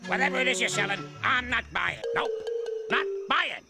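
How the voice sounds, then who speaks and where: Cranky Kong, a gravelly old ape. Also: male voice, very high-pitched, expressive, moderate pace, exaggerated voice. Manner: blustering, hurls goofy insults, mutters to himself. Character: cranky old male ape, boastful and grumpy. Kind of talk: cartoon voice acting. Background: cartoon music and sound effects.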